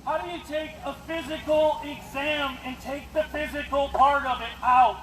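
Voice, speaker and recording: This is a noisy, echoey street recording of a man shouting an accusing, combative protest speech into a bullhorn, with traffic audible in the background. His voice is very high-pitched and a bit bright, his tone steady, his pace moderate, and he hammers out each word.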